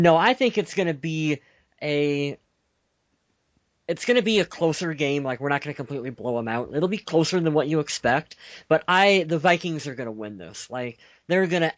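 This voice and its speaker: A man's voice: on the high side, no room sound. A man co-hosting a sports podcast, rambling and joking and correcting himself as he goes. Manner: rambling, jokey, self-correcting. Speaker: podcast co-host. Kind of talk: casual sports chat. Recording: dull lo-fi podcast audio.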